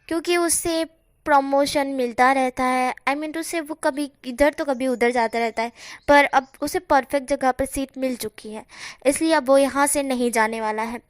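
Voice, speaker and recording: A woman's voice: high-pitched, no echo, studio quality. A woman narrating a fanfiction story casually, often stopping to explain things to her viewers in a chatty way.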